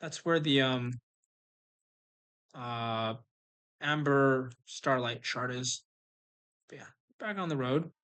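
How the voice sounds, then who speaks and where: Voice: medium pitch, slow, long pauses, fairly bright tone, clean tone. A game streamer giving casual live walkthrough commentary, instructing and talking through each move as it happens.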